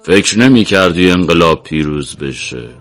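A man voicing a stern older male cleric who questions in a measured, firm way. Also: low voice, expressive, voice pushed down.

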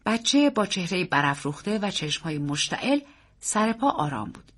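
A woman narrating a story in a measured, expressive storytelling manner. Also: medium pitch, husky.

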